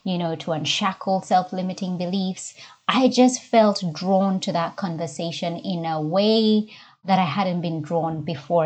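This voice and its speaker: A middle-aged woman speaks with a softened Kenyan accent in a lowish voice. She talks as an interview guest, reflective and measured, building her thoughts phrase by phrase. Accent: Kenyan, softened by years in Australia. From Nairobi, Kenya. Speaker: interview guest, diversity and inclusion coach. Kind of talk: conversational interview answers, personal story.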